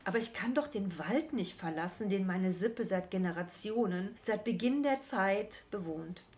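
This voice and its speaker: A woman's voice: mid-range voice, animated, normal speed, darkish tone, lightly acted. Woman doing a grumbling old gnome. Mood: exasperated. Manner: grumbling, cursing under his breath. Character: grumpy old male gnome, forest guardian, worried father.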